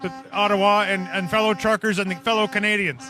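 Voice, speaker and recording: A man's voice: high-pitched, fairly even intonation, fast talker, pushed and bright, soft background music. A man doing a street interview outdoors, earnestly asking long leading questions. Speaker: independent media interviewer.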